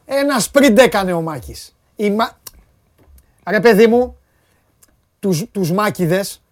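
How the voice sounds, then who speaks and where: A man hosting a casual sports talk show, rambling in an animated way and laughing often. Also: high voice.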